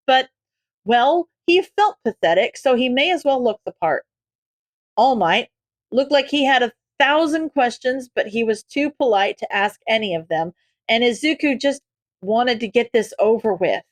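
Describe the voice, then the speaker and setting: A woman reading fan fiction aloud in a steady storytelling narration. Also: a little high, moderate pace, no room sound. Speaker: audiobook reader.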